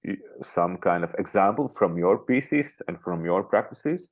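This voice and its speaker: A man's voice: deep voice, lively intonation, a little slow. A man interviewing in a conversational way, phrasing questions hesitantly and repeating points to confirm them.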